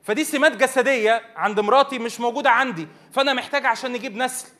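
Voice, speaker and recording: A man's voice: very high voice, racing, bright, forceful tone. A man with an Egyptian Arabic accent teaching a church youth meeting from slides, often asking the audience questions. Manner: engages the audience with repeated questions.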